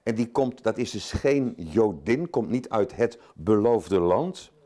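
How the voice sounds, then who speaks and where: Older male guest preacher, somewhat low voice, informal and self-joking from the pulpit. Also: animated, slow, warm tone. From Zeeland, Netherlands. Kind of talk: sermon.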